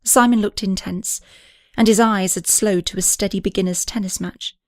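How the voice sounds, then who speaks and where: A woman's voice: medium pitch, steady tone, moderate pace, no room sound, clean studio sound. A woman reading an audiobook, narrating and voicing several characters with small shifts.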